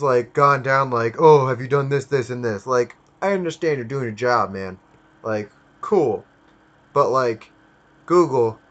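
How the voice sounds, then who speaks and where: Guy ranting and cussing on a stream, bright tone, kinda muffled audio. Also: mid-range voice. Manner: profane ranting. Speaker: stream host. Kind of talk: casual livestream chat.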